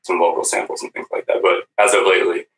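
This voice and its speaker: A man, a guest musician, talking slowly and haltingly with many fillers in a casual stream chat. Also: deep voice, level tone, fairly bright tone. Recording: roomy, distant mic with faint background noise.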